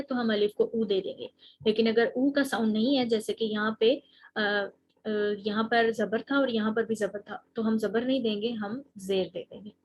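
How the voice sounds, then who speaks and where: Woman, grammar teacher, step-by-step explanations, questions to the class, fairly high voice. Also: low-quality recording. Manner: explains step by step, mixing in English terms and asking the class questions. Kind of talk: recorded lecture.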